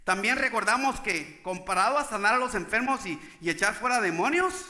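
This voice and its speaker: A male pastor delivers an emphatic sermon and keeps turning to the congregation for agreement. His voice sits very high and sounds sharp and bright. The sound echoes around a roomy church. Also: animated, a little fast. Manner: emphatic preaching with repeated "¿sí?" to the congregation.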